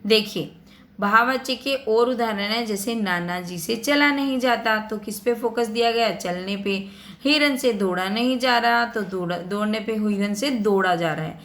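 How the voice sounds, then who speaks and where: Woman teacher, patient explainer, mid-pitched voice, talks straight to her students, voice-over for a screen lesson. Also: normal speed, fairly bright tone. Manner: patient, addresses students directly, repeats points.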